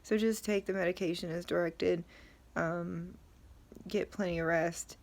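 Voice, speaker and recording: Casting: middle-aged female vlogger, low creaky voice, subdued, throat sore after tonsil surgery, casual advice. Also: steady tone, unhurried. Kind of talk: casual talk to camera about recovery.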